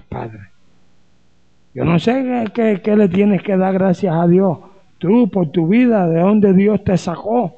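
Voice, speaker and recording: A man's voice: high voice, warm tone, highs cut off. A man from Colombia, a pastor preaching a sermon with humor and rhetorical questions.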